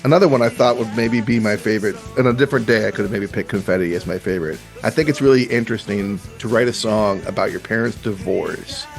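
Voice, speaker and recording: Guy with a gravelly voice hosting a music podcast, laid back and chatty, a bit of music underneath. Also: on the low side, fast talker, few pauses. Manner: relaxed, chatty, self-deprecating. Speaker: podcast host. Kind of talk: casual chat about music.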